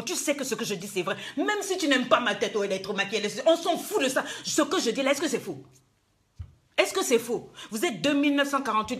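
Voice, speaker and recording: A woman's voice: fairly high pitch, fairly bright tone. A woman life coach, scolding her viewers in a live-streamed motivational talk, emphatic and full of rhetorical questions.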